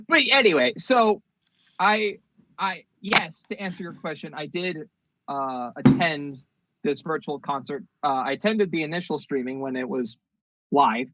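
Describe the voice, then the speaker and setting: Male co-host, higher voice, dry wit, steers the talk; dry, slightly lo-fi sound. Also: expressive, a little slow, very noisy. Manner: dry, laid-back, steers the show along. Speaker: podcast co-host. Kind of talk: casual chat. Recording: dry, slightly dull lo-fi audio.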